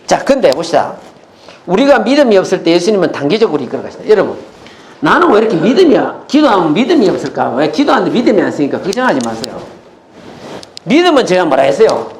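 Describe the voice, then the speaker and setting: Animated high-voiced male pastor preaching. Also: roomy sound. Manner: animated preaching, asks the congregation questions. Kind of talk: sermon. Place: church.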